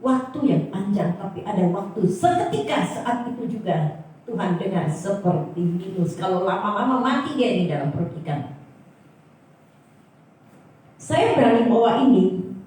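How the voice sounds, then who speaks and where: A woman's voice: medium pitch, normal speed. A woman preacher with an Indonesian accent giving a sermon and telling a testimony, acting out the people in her story. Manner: animated storytelling, acting out quoted dialogue. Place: large church hall. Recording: echoey church hall, far from mic.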